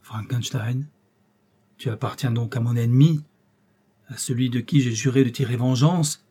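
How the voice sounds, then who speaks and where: A man voicing a lonely, vengeful male creature in a storybook reading, with a grave, measured delivery. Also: mid-range voice, warm tone, breathy edge, natural voice.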